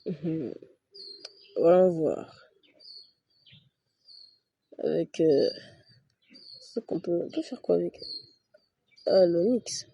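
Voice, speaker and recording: A young man, chatting slowly through his game and muttering to himself. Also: high voice, gravelly, dark tone, breathy edge. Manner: talks to himself, mutters and swears at mistakes. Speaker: gaming youtuber. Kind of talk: casual let's-play commentary.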